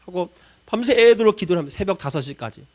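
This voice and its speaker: A pastor with a high voice for a man preaches from the pulpit. He tells a personal story with plenty of feeling and acts out his own prayers. He swings from loud, urgent pleading down to near-whispered murmurs. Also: brisk. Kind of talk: sermon.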